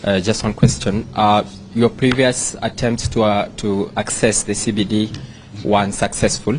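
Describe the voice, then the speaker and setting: A male TV reporter puts a question to a speaker at a press briefing. His voice is low and a little tentative, and faint noise sits behind it. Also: little pitch movement, moderate pace. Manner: hesitant, polite, with fillers. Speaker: TV news reporter.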